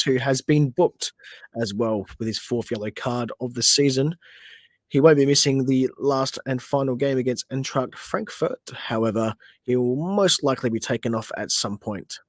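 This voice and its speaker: A man's voice: medium pitch, no echo. Australian man, podcast host, chatty livestream football commentary, mid-range voice, dry close sound. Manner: chatty, frustrated asides at players, reads viewer questions. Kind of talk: casual livestream match commentary.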